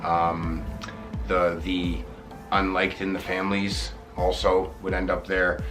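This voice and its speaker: A man from Canada co-hosting a paranormal show, talking in a relaxed way with many fillers. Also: deep voice, takes it slowly, faint music behind. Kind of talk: casual co-hosted narration.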